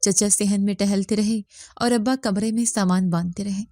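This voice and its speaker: Mellow-voiced woman storyteller. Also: mid-range voice, dry recording, studio quality. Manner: steady, dramatic storytelling. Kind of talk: scripted narration.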